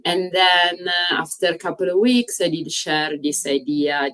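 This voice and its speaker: An Italian woman in her thirties, a fitness coach, tells her story as a guest in a casual interview chat. Her voice is low but fairly bright and sounds a little distant from the mic, and she pauses often on "uh" with slightly non-native grammar.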